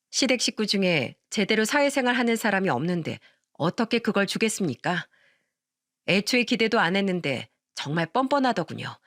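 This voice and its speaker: A woman narrates a dramatized radio story like she is chatting with a friend. Her pitch rises and falls in a lively way. The recording is dry and close to the mic. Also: dry recording. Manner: expressive, conversational.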